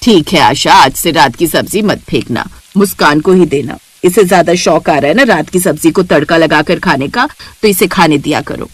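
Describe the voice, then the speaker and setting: A woman voicing a stern older mother-in-law in a cartoon, speaking low and commanding. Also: lively intonation, normal speed, few pauses, husky, no room sound. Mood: curt.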